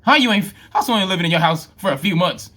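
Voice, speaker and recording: Man, reaction host, casual slang, laughing, talks back at the screen, high voice. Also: animated, fast talker, a bit bright.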